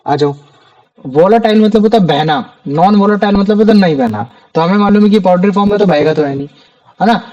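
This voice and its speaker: A man's voice: high voice, quick pace, a little mellow, muffled recording. A man teaching a chemistry class, talking casually to his students and asking them questions. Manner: chatty, calls students "bhaiya".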